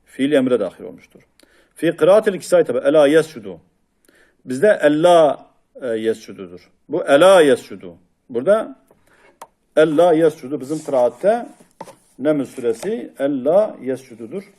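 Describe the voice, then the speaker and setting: A man's voice: mid-range voice, big pitch swings, moderate pace, warm tone. A man teaching a lesson on a classical grammar text, reading passages aloud and explaining them with frequent hesitations. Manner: reads Arabic passages then explains them in Turkish, with frequent hesitation sounds.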